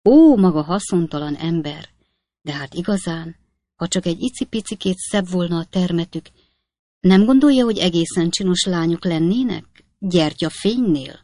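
A woman's voice: fairly low pitch, lively intonation, mellow, no echo, studio quality. A woman doing a coy, jealous spinster aunt. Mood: coy, fussing. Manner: simpering, flirtatious whispering.

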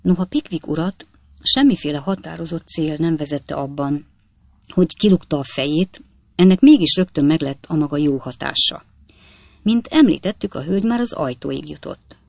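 A man reading a classic novel aloud as audiobook narrator, in measured storytelling. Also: a little high, lively intonation, vocal fry, no echo. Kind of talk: scripted narration.

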